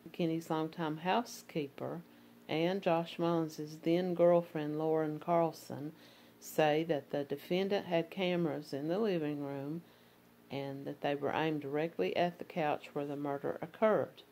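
A woman with a low voice and Appalachian accent narrates a true crime case, shifting between reading court documents and loose, conversational commentary full of fillers and restarts. Her delivery is warm, measured, and fairly even in intonation, with slight background noise.

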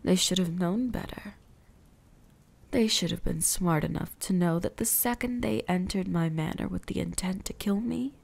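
A woman with a lowish voice whispers breathily as a possessive, teasing vampire huntress in ASMR roleplay. Her deliberate delivery is softly menacing, and the mood comes across as proud and threatening.

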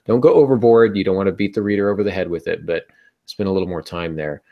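On a video call from a small home room, a middle-aged podcast host wearing earbuds leads a relaxed panel talk about writing, musing out loud as he goes. His voice sits low and moves fast, and the recording sounds muffled.

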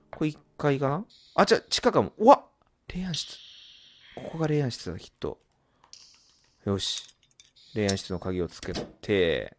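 A man doing horror game commentary, muttering and reading game text aloud, then bursting into loud startled yelps. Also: fairly low pitch. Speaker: let's play gamer.

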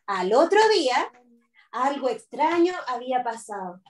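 A woman's voice: high-pitched, sing-song, a little slow, slight background noise. A woman teaching kindergarten online, telling a story expressively and asking the children questions over a video call.

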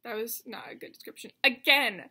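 A woman's voice: fairly high pitch, a little slow, fairly bright tone. An American woman in her twenties chatting in a rambling, self-mocking vlog style, her speech slightly slurred by the retainers she wears. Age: 20s. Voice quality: slight slur from wearing retainers. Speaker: vlogger. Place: carpeted bedroom at home.

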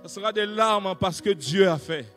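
High-voiced preacher shouting sung prophecy. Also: male voice, normal speed, soft background music. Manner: builds to impassioned shouted prophecy with sung cadences. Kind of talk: sermon.

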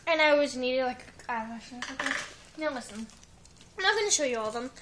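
Teen girl, high voice, rambling haul chat, webcam in a living room. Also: lively intonation, quick pace, fairly bright tone, a little hiss or hum, low-quality recording. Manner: chatty, giggly, rambling with many likes. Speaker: vlogger. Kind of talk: casual haul video. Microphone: built-in webcam mic.

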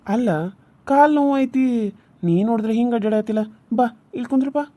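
A woman voicing a gentle young village husband in a cartoon serial, earnest and pleading, with a North Karnataka accent. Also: a little high, fast, close to an everyday voice. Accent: North Karnataka Kannada.

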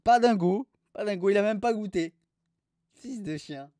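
A young man streaming live, mocking restaurant reviews in a crude, animated way. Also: sits high, normal speed, dry recording, studio quality.

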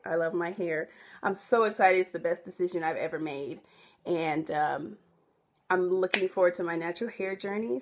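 A young woman talks to her camera in a loose, chatty way, circling back to fix her own details and leaning on filler words. Her voice sits a little on the low side for a woman. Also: fairly bright tone. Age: young adult. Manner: rambling, self-correcting, chatty with many fillers. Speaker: vlogger. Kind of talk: casual chat to camera.

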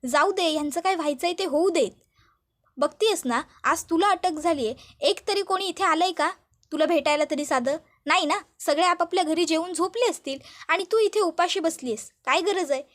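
Lady doing a stubborn grown son begging his mom, high voice, keeps saying please. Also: moderate pace, a bit bright. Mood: pleading, insistent. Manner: coaxing, pleading, repeats please.

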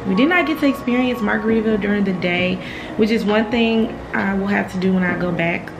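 A woman in her twenties from the United States chatting in a frank, slangy, unhurried way to her travel vlog. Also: medium pitch, over music, rough recording. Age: 20s. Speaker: travel vlogger. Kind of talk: casual vlog chat. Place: hotel bedroom or balcony.

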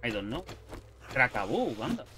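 A man's voice: medium pitch, measured pace, noisy background. A young man with a Spain Spanish accent giving casual let's-play commentary, swearing and chatting to himself as he plays. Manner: lively, swearing, talking to himself and the game. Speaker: gameplay YouTuber.

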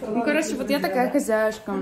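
High-voiced exuberant woman among chattering guests. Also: quick pace. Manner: playful, exuberant. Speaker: vlogger hosting guests. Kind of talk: casual party chat. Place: apartment hallway and living room. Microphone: handheld phone. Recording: busy chatter of party guests.

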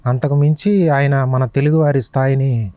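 A man's voice: mid-range voice, fairly even intonation, normal speed, dark tone. Earnest young man. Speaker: film actor, interview guest. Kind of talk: casual interview talk.

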